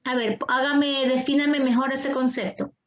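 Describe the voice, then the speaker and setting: A woman's voice: high-pitched, flat delivery, unhurried, muffled recording. A woman teaching an online class, patient and coaxing, repeating her questions to the students over a video call.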